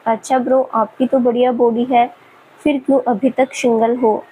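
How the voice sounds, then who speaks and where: Brief: woman narrator playing a playful young man teasing his brother, high tone. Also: little pitch movement, moderate pace, mellow, a little hiss or hum, close to an everyday voice, low-quality recording. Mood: cheeky. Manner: cheeky, playful.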